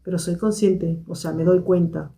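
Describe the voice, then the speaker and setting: A woman hosting a live stream, speaking to her viewers in a measured, reflective way and repeating her key points. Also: on the low side, fairly even intonation, dark tone.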